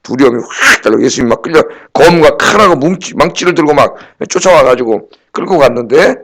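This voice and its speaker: A man's voice: fairly high pitch, lively intonation, a little fast, fairly bright tone. A middle-aged man preaching a sermon as pastor, in a conversational way, firing rhetorical questions at the congregation and acting out quoted dialogue.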